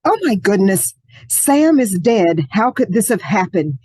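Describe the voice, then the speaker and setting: A woman's voice: mid-range voice, big pitch swings, measured pace, warm tone, breathy edge, dry recording, rough recording. A woman playing a fretful housewife and hostess in an amateur radio mystery. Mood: shocked. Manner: hesitant, stammering when questioned. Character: shocked, fretful housewife hostess and new widow.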